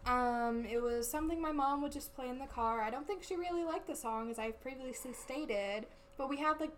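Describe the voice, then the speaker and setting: A chatty young woman guesting on a casual podcast. Her voice sits fairly high, and she laughs easily and fills her talk with fillers. A faint hiss runs behind her. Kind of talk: casual chat.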